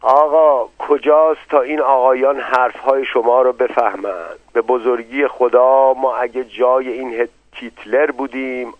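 A chatty old male servant, boastful and pious, who talks loudly and insists on everything, as a narrator puts him on. His voice sits higher than the narrator's own and comes through a narrow, dry, phone-like line. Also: dry recording, natural voice. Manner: loud, insistent, swears by God.

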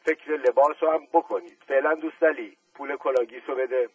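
A mischievous middle-aged aristocrat with a husky voice, as a male reader puts him on, sly and playful in every jab. He sits a little back from a slightly distant mic on a dry recording. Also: fairly high pitch, fairly even intonation, narrow, tinny audio.

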